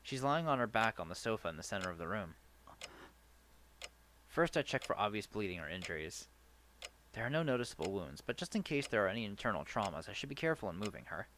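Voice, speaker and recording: A man with a lowish voice narrates a visual novel in first person for his let's play, moving fast in an earnest, spirited way and stumbling from time to time. Faint game music plays behind him, along with a little hiss or hum.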